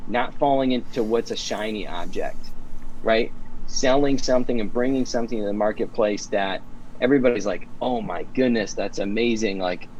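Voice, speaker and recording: A man's voice: on the low side, normal speed, a little mellow, slight background noise, rough recording. Rambling man talking shop. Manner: rambling, many restarts and fillers. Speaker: podcast guest from a marketing firm. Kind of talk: casual conversational podcast chat.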